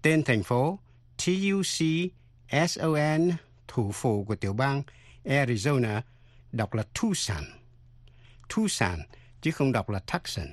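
A man's voice: medium pitch, expressive, a little slow, no room sound. A man hosting a radio language lesson, carefully spelling out words letter by letter. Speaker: English teacher and radio host.

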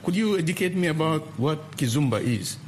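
Higher-voiced male radio news host. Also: animated, fairly quick, slight background noise. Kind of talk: broadcast interview and news presenting.

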